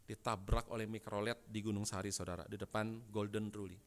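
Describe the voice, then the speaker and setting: A pastor preaching a sermon in dramatic storytelling style, dropping to quiet asides and rising to loud emphatic bursts. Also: male voice, lowish voice, flat delivery, a little fast. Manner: dramatic storytelling, frequent address to listeners as brothers and sisters.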